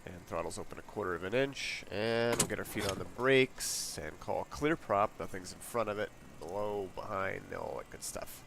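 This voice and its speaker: A man with a voice on the low side and vocal fry talks at normal speed with few pauses, congested as he streams. He gives a relaxed, rambling walkthrough of a flight sim checklist, reading items aloud, on a noisy home desk-mic recording.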